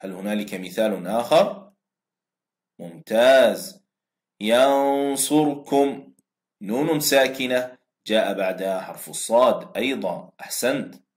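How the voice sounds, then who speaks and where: A man with a fairly low voice teaches a recorded Quran recitation lesson. He stretches the example words out slowly for students to repeat and praises their answers along the way. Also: animated, echoey room.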